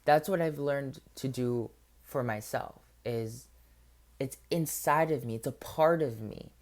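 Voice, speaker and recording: A man's voice: mid-range voice, a little slow. A man speaks openly and earnestly about his inner journey, his talk loose and conversational and full of filler words. He is a spiritual healer giving a sincere personal testimony. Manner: candid and open.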